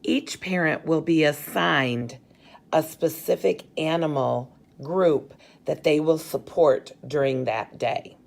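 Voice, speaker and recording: A woman teacher with a low, gravelly voice talks parents through the plan in a slow, measured way. She sounds middle-aged and speaks carefully, pausing between phrases like someone giving clear instructions. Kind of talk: recorded briefing for parent volunteers.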